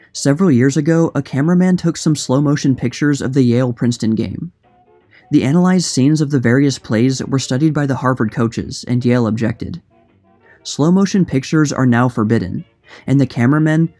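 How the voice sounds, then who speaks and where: A man reads scripted narration in a mellow, relaxed voice. His pitch sits in the middle of the male range. Faint music plays behind him. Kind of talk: scripted narration, reading a period magazine article.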